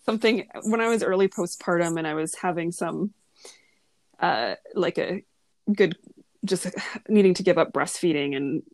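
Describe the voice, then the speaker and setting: A woman's voice: lowish voice, normal speed, darkish tone, no room sound. A woman in her thirties talking earnestly and reflectively in a casual conversation, with lots of fillers.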